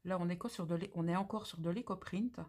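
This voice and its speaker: A woman's voice: fairly low pitch, fast, darkish tone. Gushing woman hosting a craft unboxing. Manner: gushing, exclamatory, slangy. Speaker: craft channel host. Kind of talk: casual unboxing commentary.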